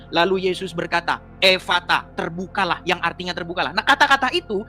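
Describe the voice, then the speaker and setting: Bright, mocking woman debater. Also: a little high. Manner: mocking, argumentative, laughs while pressing points. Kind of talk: heated online debate.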